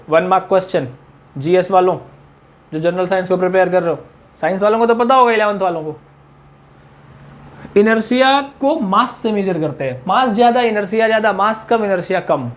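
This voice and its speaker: Chatty male physics teacher. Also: high voice. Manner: chatty, mixes English terms into explanations, asks the class questions. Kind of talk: classroom lecture.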